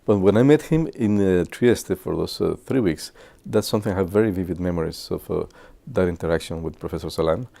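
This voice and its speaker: A man in his sixties from Guatemala, speaking English, shares memories with students in a halting way, full of filler pauses. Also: low voice, vocal fry, warm tone. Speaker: physicist. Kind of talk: reminiscing talk to students.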